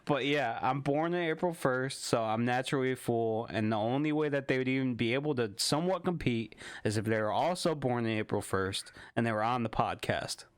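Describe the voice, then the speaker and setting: A man's voice: mid-range voice, fairly quick, hardly any pauses, clear, resonant tone, no echo. A young man hosting a casual podcast, goofy and laughing often, swearing freely as he wraps up the episode. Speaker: podcast host.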